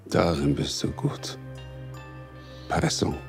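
A man's voice: slow, a little mellow, faint music behind, natural voice. An actor playing a curt, wry man in a TV drama, talking in a terse, dry way. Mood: dry, guarded. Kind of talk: TV drama dialogue.

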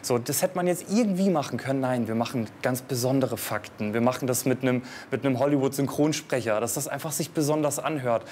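A man's voice: mid-range voice, fast talker, hardly any pauses, darkish tone, slight background noise. A man who runs outdoor escape games, explaining them enthusiastically. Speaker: game master. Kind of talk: casual explanation.

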